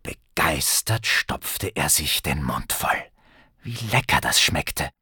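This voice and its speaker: A man with a very deep voice reads a children's story aloud in a lively, expressive way, his pitch rising and falling widely. The sound is close and completely dry, with no room around it. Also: takes it slowly, breathy edge, dry recording. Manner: expressive storytelling, acting out characters. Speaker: narrator. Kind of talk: scripted narration of a children's story.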